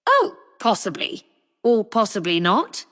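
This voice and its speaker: A woman voicing a sharp young female apothecary, dry and matter-of-fact. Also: medium pitch, wildly swooping pitch, unhurried, big-room sound.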